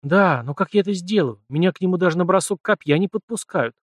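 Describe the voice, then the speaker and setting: A man's voice: high-pitched, quick pace, dry recording, clean studio sound, pitched above the performer's own voice. A man voicing a frightened young female slave and sorceress who speaks timidly. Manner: timid, pleading.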